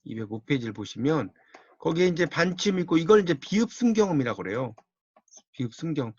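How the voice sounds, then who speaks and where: A man's voice: a little high, sing-song, fast talker, a little mellow, husky, muffled recording. A man with a Gyeongsang accent giving a university-style lecture on Korean linguistics, explaining patiently and repeating key words.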